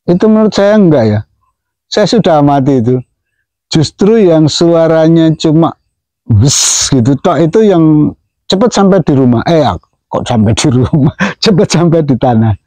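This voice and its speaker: A man's voice: on the high side, lively intonation, normal speed, mellow, no echo, poor audio. A man casually explaining pigeon racing, mimicking the whoosh of wings and chuckling now and then. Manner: imitates whooshing wing sounds, chuckles often. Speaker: pigeon keeper explaining to viewers.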